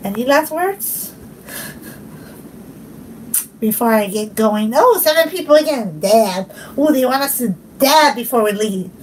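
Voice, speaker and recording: A woman's voice: fairly high pitch, lively intonation, measured pace, pauses often, a little hiss or hum, rough recording. Giggly young woman chatting with viewers. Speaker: livestream host. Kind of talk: casual livestream chat with viewers.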